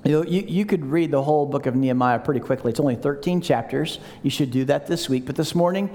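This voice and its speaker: A male pastor delivers a sermon in a casual, animated tone, stumbling and restarting as he talks. His voice sits notably high. A long hall reverb hangs behind him. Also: quick pace. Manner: conversational, animated, frequent restarts.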